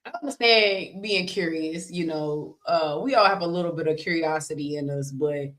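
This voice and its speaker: A woman's voice: deep voice, normal speed, a bit bright. A woman co-hosting a podcast, chatting casually, laughing often and pressing her points with emphatic repetition. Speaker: podcast co-host. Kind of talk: casual chat.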